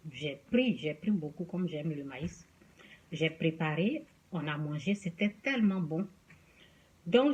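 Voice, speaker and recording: A woman from the Ivory Coast with an Ivorian French accent, chatting to camera and telling an everyday story in an animated way, addressing viewers directly. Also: medium pitch. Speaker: vlogger.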